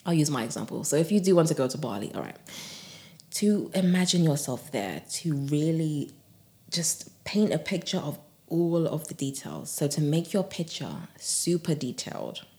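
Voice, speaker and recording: A woman guest on a podcast, a yoga teacher and author, talking in a gentle, soothing way with frequent laughs and soft breathy asides. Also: sits low, lively intonation, moderate pace. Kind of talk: relaxed podcast conversation.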